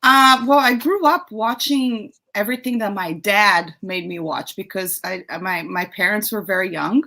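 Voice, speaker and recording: A young woman from Brazil talks casually as an interview guest. Her voice is bright and clear. She chats easily, laughs often and restarts her sentences. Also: mid-range voice, moderate pace, hardly any pauses. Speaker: guest, YouTube creator.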